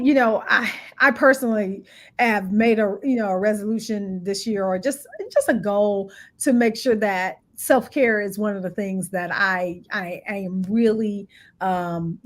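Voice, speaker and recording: A woman co-hosting a relaxed discussion, speaking with animated warmth and breaking into laughter now and then. Her voice sits in a middle pitch, and she keeps the talk going with frequent affirming murmurs. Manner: animated, laughs often, agrees with many "mm-hmm"s. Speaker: co-host of a discussion. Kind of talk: casual discussion.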